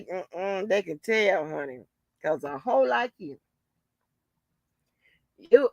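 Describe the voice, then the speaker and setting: Slightly bright and on the high side, a hoarse female voice comes through a dry recording. She's a channel host doing loose gossip commentary, profane and cackling, with frequent "baby" and "honey" for her listeners.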